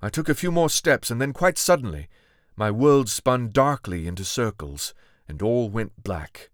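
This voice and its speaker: A man reading a first-person adventure story aloud in a steady, dramatic manner. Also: mid-range voice, measured pace, no echo, studio quality. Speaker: audiobook narrator. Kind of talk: scripted first-person narration.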